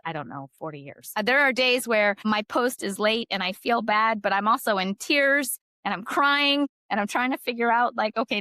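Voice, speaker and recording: Woman, forties, interview guest; candid and emphatic, medium pitch, dry close mic. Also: fairly bright tone, no room sound. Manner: candid, emphatic, laughs easily. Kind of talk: conversational interview storytelling.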